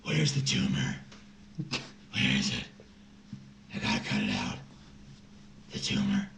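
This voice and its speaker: A man voicing an unhinged male surgeon, in a gravelly voice with a manic, fixated manner. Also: rumbling low, huge pitch swings, unhurried, a bit bright, slight background noise, heavily acted.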